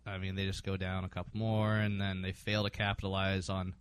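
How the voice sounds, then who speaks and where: A man's voice: deep voice, flat delivery, brisk, smooth. A man hosting a casual sports podcast, recapping games with frequent ums and hesitations. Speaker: podcast host.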